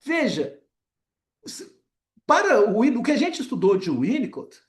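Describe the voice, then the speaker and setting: A man with a Brazilian accent giving an academic lecture, pausing often and filling gaps with short filler words and tag questions. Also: extremely high pitch, wildly swooping pitch.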